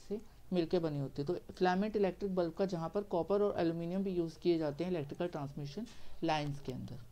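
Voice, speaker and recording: Mellow-voiced male teacher explaining step by step. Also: a little high, fast talker, slight background noise. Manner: explains step by step, asks and answers his own questions; repeats "theek hai" to check understanding. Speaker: science teacher. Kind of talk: classroom lecture.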